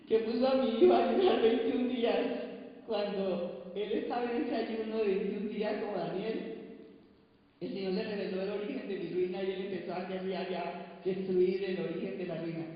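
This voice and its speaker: A middle-aged woman preaching with emotion, giving a personal testimony in a sermon. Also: mid-range voice. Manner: impassioned, pleading preaching. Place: large church hall. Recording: echoey church hall, dull lo-fi sound.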